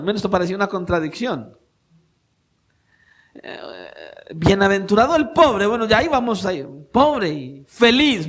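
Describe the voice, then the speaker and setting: A man, a pastor, preaching a sermon in church, swinging between raised emphatic passages and quiet intimate asides, with rhetorical questions put to the congregation. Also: extremely high pitch.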